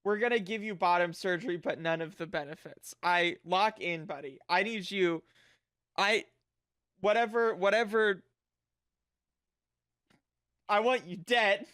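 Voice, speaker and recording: A livestreamer chatting casually with viewers in a cute anime-streamer manner, animated and sweary, with bubbly delivery. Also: medium pitch, unhurried, long pauses.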